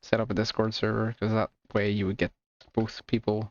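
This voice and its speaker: A man with an Irish accent chatting casually with his viewers while streaming a game, relaxed and laughing often. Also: lowish voice, a little fast, highs cut off. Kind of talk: casual gameplay chat with viewers.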